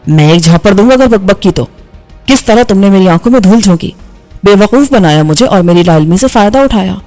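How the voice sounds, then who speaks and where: Woman doing an angry young man, harsh and accusing, audiobook dialogue, even middle pitch, soft music behind. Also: lightly acted. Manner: harsh, scolding delivery. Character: angry young male engineer, bitter and accusing.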